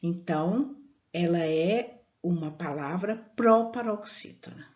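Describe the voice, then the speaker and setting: Slow, deliberate woman teaching children. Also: lowish voice, darkish tone. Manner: slow, deliberate, stretches example words. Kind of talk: slow classroom explanation for children. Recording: dull lo-fi sound.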